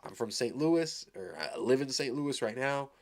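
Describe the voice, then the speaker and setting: With a mid-range, animated voice at moderate pace, an Arizona-based music reaction host gives casual live commentary on a new song. He's loose and enthusiastic, rambling with plenty of filler.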